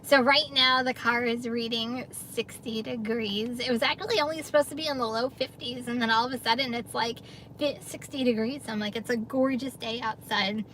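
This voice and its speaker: A chatty, upbeat middle-aged woman talks casually to her livestream viewers from inside her car, laughing easily between thoughts. Her voice sits a little high for a woman. A faint hiss of background noise runs under the recording. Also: steady tone, a little fast, fairly bright tone. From New York area, US. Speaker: livestream host, gig delivery driver. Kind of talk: casual livestream chat reading viewer comments.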